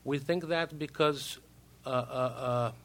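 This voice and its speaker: A man's voice: medium pitch, slow pace, fairly bright tone. A Brazilian man, a native Portuguese speaker, giving formal remarks as a diplomat in broken English, hesitating often and repeating words.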